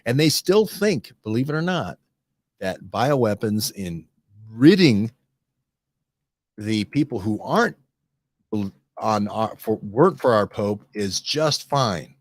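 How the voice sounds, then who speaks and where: A man hosting a casual studio discussion, rambling and animated, often restarting and checking in with "right?". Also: on the low side, slow pace, dry recording. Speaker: host.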